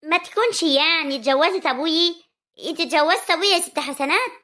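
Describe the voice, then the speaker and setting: A woman voicing a sharp-tongued young village daughter with a rural Egyptian accent, quick and nagging. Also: very high-pitched. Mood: complaining. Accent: rural Egyptian Arabic.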